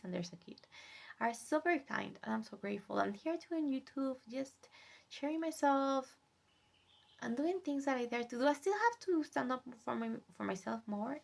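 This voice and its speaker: A young woman whose first language is Spanish, talking in a soft, gentle, reflective way in a casual self-care vlog, sometimes dropping to a whisper. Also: on the high side, gravelly. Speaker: vlogger.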